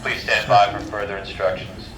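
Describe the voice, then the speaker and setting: A man giving a calm, formal, repeated emergency alarm announcement, heard through building public address loudspeakers. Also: lowish voice, normal speed. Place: large convention hall. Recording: echoey loudspeaker from far off in a noisy hall.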